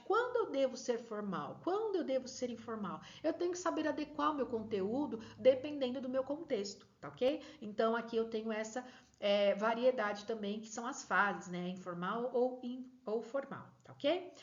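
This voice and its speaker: A woman teacher walks her students through an exam answer, quick and lively, checking in with them often. Her voice sits fairly high. The recording sounds dull and lo-fi.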